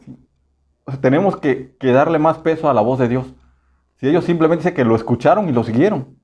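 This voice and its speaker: A man with a Mexican Spanish accent preaching a casual, conversational sermon. He keeps asking the congregation rhetorical questions and slips into quick acted voices. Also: fairly high pitch, darkish tone, breathy edge, muffled recording. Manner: acts out short voices for humor.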